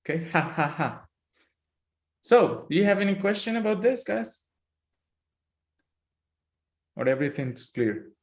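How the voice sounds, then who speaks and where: Colombian guy teaching spanish, slowish and patient, kinda high voice, echoey room. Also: sing-song. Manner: patient, checks in often with "okay?". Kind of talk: online language lesson.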